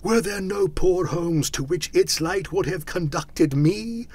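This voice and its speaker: A man voicing a tormented, mournful ghost in a storybook reading, with slow, drawn-out declamation. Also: sits high, a little mellow, husky, voice pushed up, heavily acted. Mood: anguished, wailing. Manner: slow, drawn-out, declamatory delivery with wailing cries. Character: tormented male ghost, mournful and solemn warning spirit.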